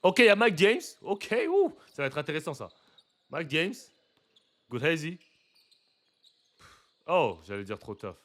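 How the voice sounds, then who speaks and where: A young man giving casual live reaction commentary to basketball footage, slangy and chatty, breaking into loud excited exclamations. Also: fairly high pitch, unhurried, long pauses.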